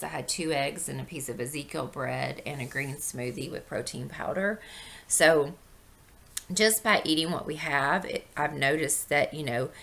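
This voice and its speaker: A middle-aged woman with a hoarse, wheezy voice from a chest infection, talking in a casual, rambling, explanatory vlog style. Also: low-pitched, fairly bright tone. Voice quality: wheezy, breathy intake from asthma. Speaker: video blogger.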